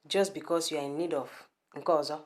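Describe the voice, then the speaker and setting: A young Nigerian woman with an Igbo accent and a low, deep, darkish voice records a casual opinion vlog from home. She speaks a little fast with fairly even intonation, emphatically and repeatedly putting direct questions to the viewer, in an echoey room.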